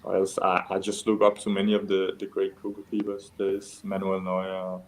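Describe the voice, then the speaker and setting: Young man from Denmark, deep even voice, hesitant guest answers. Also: moderate pace. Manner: hesitant, many fillers and restarts. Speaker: interview guest, goalkeeper. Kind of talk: casual interview answers.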